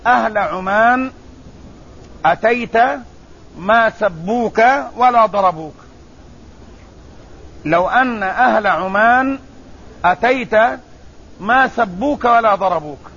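High-voiced man teaching a hadith lesson. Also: a bit bright. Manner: measured, deliberate delivery with repeated phrases. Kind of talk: religious lesson, reading and explaining hadith. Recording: muffled, slightly lo-fi with faint ambient noise.

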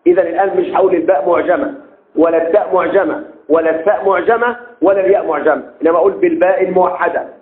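Teaching Arabic text verification in a classroom lecture, this Egyptian-accented man keeps a high, steady tone while stretching out key terms and peppering students with rhetorical questions. It sounds like an echoey room heard over a tinny phone line.

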